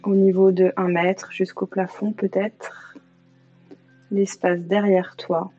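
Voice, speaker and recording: Over background music, a medium-pitched female voice guides listeners through yoga nidra, staying calm and soothing and pausing at length. She's the instructor, and the audio is lo-fi and a little muffled.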